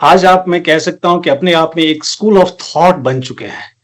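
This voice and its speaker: A man's voice: a little high, normal speed. A man, a professor, hosting an interview, speaking courteously and affirming his guest, with English terms mixed into his questions.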